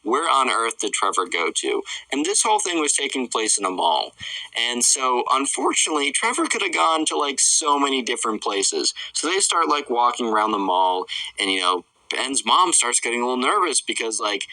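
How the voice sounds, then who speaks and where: A man's voice: medium pitch, big pitch swings, normal speed, vocal fry, bright, forceful tone, far from the mic, rough recording. A man casually narrating a story, rambling with lots of "right" and "you know" fillers.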